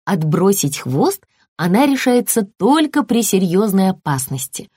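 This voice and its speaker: A woman reading a children's storybook aloud in an expressive, lively way. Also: medium pitch, a little slow, slightly rough, no echo, studio quality. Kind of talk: scripted storybook narration.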